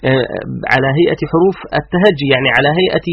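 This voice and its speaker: A man explaining the Quran's letters to an interviewer, emphatic, slowing to stress each letter. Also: a little high, slightly rough. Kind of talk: explanatory religious lecture. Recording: dull lo-fi radio sound.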